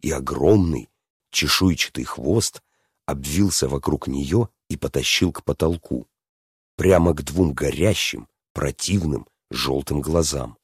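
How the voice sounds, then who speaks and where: A man telling a fairy tale to a listener, lively and stopping to ask her questions. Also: very deep voice, measured pace, breathy edge, no room sound, studio quality. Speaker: storyteller.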